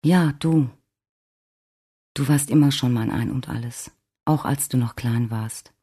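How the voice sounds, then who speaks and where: A reader voicing a gravely ill older man who speaks tiredly and quietly in an audiobook. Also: mid-range voice, measured pace. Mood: weary, tender.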